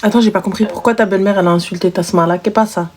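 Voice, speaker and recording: A young woman hosts a live call-in stream, talking very fast in a steady, mid-range voice with a slightly mellow quality. She's blunt with her callers, teases them, and slips into exaggerated mother voices.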